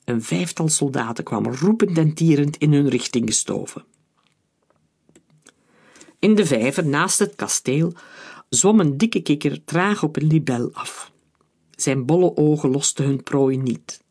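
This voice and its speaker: A man reading a children's adventure story aloud in a lively, dramatic way. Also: on the high side, measured pace, long pauses, husky. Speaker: narrator.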